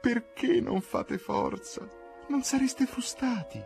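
A man voicing a fussy, pampered young woman who pleads in a shrill voice in an audiobook reading. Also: slow pace, creaky, music in the background, heavily acted. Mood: pleading shrill.

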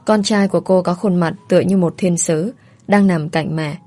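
A woman narrates a family story in a calm, even way. Her voice sits low and mellow, and soft music plays faintly behind her. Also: normal speed. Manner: calm, even storytelling, voicing the characters' quotes lightly. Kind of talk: scripted narration of a family drama.

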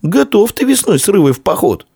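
A man voicing an eager young boy, a blacksmith's son, who shouts breathlessly. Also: on the high side, huge pitch swings, a little slow, creaky, slightly rough, no echo, clean studio sound, pitched above the performer's own voice, full character voice.

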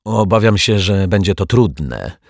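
A man's voice: deep voice, expressive, a little slow, creaky, darkish tone, no echo, clean studio sound, full character voice. A man voicing a fussy, cheerful detective who talks politely and eagerly. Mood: courteous. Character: fussy cheerful small-office male detective.

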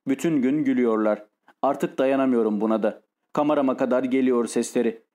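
A man voicing a tormented, lonely, nervous man who speaks in a halting, pained way in an audiobook. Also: mid-range voice, mellow, lightly acted. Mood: troubled.

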